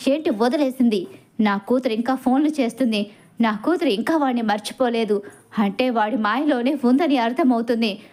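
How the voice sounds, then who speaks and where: A sharp-tongued middle-aged woman scolds and insults without pause, as a woman narrator plays her. Her voice rides high. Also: lightly acted. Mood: defensive.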